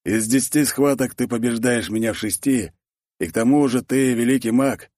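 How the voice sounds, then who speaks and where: A man voicing a gruff, impatient dwarf warrior. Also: medium pitch, normal speed, a little mellow, no room sound, voice pushed up, lightly acted. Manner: blunt, impatient.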